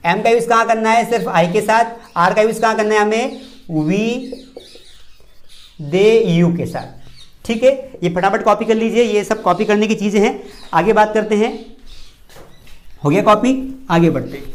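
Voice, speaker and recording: A high-pitched man with a Hindi accent runs a classroom-style video lesson on spoken English. He often quizzes his students and then gives the answers himself, driving home each key word through repetition.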